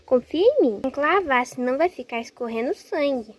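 A woman playing a gentle mother coaxing her hurt doll child in a home role-play. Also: high voice, animated, a little fast. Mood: soothing. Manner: soothing, coaxing.

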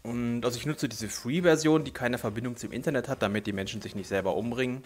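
A fast-talking man of medium pitch, German-accented and a bit under the weather with a slight cold, rambles casually as host of a gaming video while game music plays behind him.

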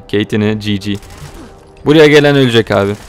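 A young man giving casual, joking gameplay commentary, talking to viewers and getting excited during the action. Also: lowish voice, moderate pace, clear, resonant tone, faint music behind. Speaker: gaming video host.

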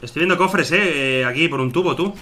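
Man, rapid shouty gameplay callouts, high-ish voice. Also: background noise. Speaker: gaming streamer playing with friends. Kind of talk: excited team callouts during online gameplay.

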